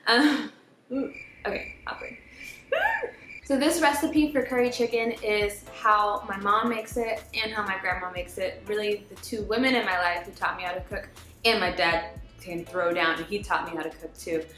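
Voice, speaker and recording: A woman's voice: mid-range voice, fairly even intonation, moderate pace, a bit bright, soft background music. Bubbly young woman vlogging in an echoey room. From Jamaica. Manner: bubbly, jokey, laughs often. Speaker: cooking vlogger. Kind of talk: casual cooking vlog chat.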